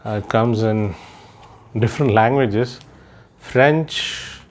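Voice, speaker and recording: A man from India unboxes a product at a slow pace in a low-ish voice, chatting casually and thinking aloud with lots of fillers. He's filming indoors in a room with a patterned floor rug.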